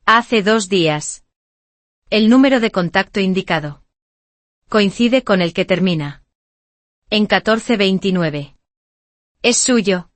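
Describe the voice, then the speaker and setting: A woman's voice: mid-range voice, lively intonation, slow pace, long pauses, no echo. A woman voicing a businesslike female loan company agent who speaks formally and matter-of-factly.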